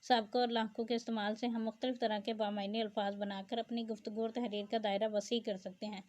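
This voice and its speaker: A woman's voice: fairly high pitch, level tone, brisk, darkish tone. A woman teacher reads out a grammar lesson and explains it in plain asides. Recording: dull lo-fi sound.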